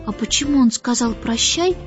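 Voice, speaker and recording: A woman's voice: a little high, expressive, moderate pace, close to an everyday voice. A woman voicing an eager, curious little boy who asks impatient questions in an audiobook. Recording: muffled audiobook with faint music.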